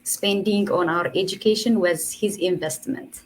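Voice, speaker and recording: A woman's voice: fairly low pitch, a little slow, a little hiss or hum, poor audio. Earnest woman guest. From Ethiopia. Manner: earnest, laughs between phrases. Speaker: guest, online entrepreneur. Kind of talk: casual interview.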